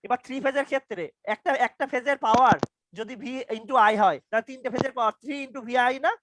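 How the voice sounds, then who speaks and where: A man's voice: very high voice, fast, a bit bright, slight background noise. A young man teaching an online university lecture over a video call. He stammers, repeats his questions and quizzes his students. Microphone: computer mic on a video call.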